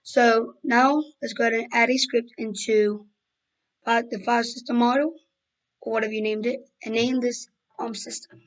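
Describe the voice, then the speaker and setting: A woman's voice: on the high side, steady tone, normal speed, poor audio. A woman who is losing her voice, casually walking through a coding tutorial with fillers and restarts. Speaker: tutorial host. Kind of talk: screen-recorded coding tutorial.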